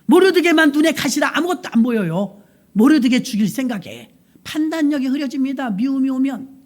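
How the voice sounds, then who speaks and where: A woman pastor retells a scripture story from the pulpit with a high voice. She is animated and playful, dramatizes the scenes and keeps asking her congregation questions. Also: brisk. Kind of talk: sermon storytelling.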